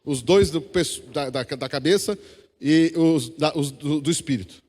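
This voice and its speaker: A Brazilian man preaches from the pulpit with a notably high voice, urging the congregation to answer and repeat after him. His voice rings out with the long reverb of a church hall. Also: normal speed, darkish tone. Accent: Brazilian Portuguese. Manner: exhorting congregation, call-and-response. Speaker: pastor. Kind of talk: sermon.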